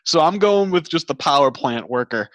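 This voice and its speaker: A man's voice: on the high side, lively intonation, normal speed, fairly bright tone, no echo. A man hosting a podcast in casual, comedic banter with friends. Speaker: podcast host.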